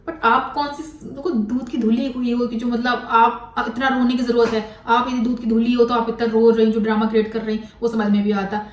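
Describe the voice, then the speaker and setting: A woman's voice: a little high, distant mic, a little hiss or hum. Blunt woman commentator, echoey and off-mic. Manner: blunt, scolding, mixes English words into Hindi. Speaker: commentary vlogger. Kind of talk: critical commentary on a controversy.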